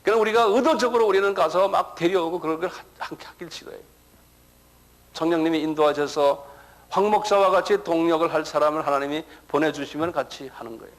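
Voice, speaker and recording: A middle-aged male pastor gives a sermon-style lecture in a slightly high voice, talking a little fast. He keeps checking in with the audience and repeats words as he begins each thought, and the recording quality is low.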